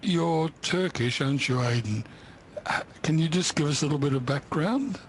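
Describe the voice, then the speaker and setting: A man's voice: fairly high pitch, moderate pace, breathy edge. A man interviewing a guest, putting short, friendly questions from off to the side.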